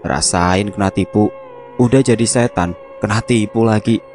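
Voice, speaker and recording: A man's voice: lowish voice, normal speed, darkish tone, soft background music, lightly acted. A man doing a bashful, goofy young lover. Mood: cheeky.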